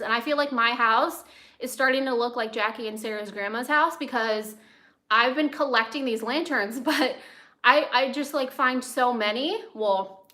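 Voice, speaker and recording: Her voice sits on the high side and sounds sharp. She's an American chef from Los Angeles running a cooking livestream, talking casually and drifting into asides mid-task, all captured in a roomy, echoing indoor setting.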